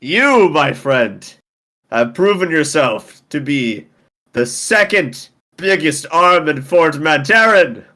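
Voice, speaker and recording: A man's voice: on the high side, expressive, slow, bright, forceful tone, full character voice. A man voicing a boastful, drunk, burly male arm wrestler in a tabletop game, speaking in a grand, theatrical way.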